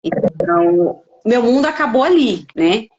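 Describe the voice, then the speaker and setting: A middle-aged woman with a Brazilian Portuguese accent tells her stories with feeling. She acts out the dialogue she quotes. Her voice sits fairly high. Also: very animated, unhurried, a little mellow, lo-fi sound. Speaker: podcast guest, life coach. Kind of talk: casual conversation.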